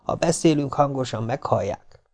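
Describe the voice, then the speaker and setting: A man voicing a Greek man who speaks in short, halting, clipped words, keeping his voice down. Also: medium pitch, lively intonation, darkish tone, voice pushed up, close to an everyday voice. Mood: wary hushed. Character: Greek man, plain-spoken, broken English.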